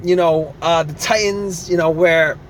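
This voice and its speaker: A man with a high voice delivers a rambling, emphatic vlog rant straight to his viewers. He circles back over the same phrases again and again and punctuates nearly every point with a quick "all right?". A faint hum of passing vehicles sits underneath. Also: fairly even intonation. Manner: repetitive, emphatic, keeps asking "all right?" and "okay?". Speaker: vlogger. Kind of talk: casual opinion rant to camera.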